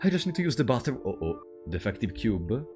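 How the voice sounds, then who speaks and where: Very animated man commentating on a game. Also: mid-range voice, a little fast, soft background music. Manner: exclamatory, swearing, talking to game characters. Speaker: video game player commentating. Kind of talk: casual let's play commentary.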